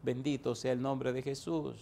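A man preaching a sermon, dramatic and emphatic, rising to loud bursts and reading out scripture references slowly. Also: mid-range voice, little pitch movement, creaky, a little hiss or hum.

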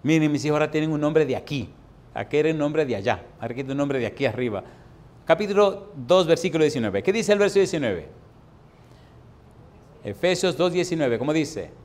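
A man preaching a sermon, asking the audience questions and reading verses slowly and emphatically. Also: on the high side, lively intonation, a little mellow. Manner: emphatic, asks the audience rhetorical questions, reads scripture slowly.

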